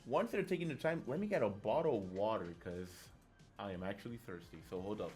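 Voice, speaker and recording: Low-voiced rambling esports caster. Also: male voice, animated, brisk, a little mellow, faint music behind. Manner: rambling, chatty, trails off and restarts. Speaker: esports commentator and tournament organizer. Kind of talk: casual live game commentary.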